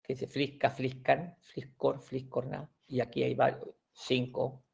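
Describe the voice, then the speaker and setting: A man's voice: medium pitch, level tone, a little slow, creaky, a little mellow, breathy edge. A man teaching a language class, explaining grammar patiently and repeating words with frequent restarts. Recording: dull lo-fi sound.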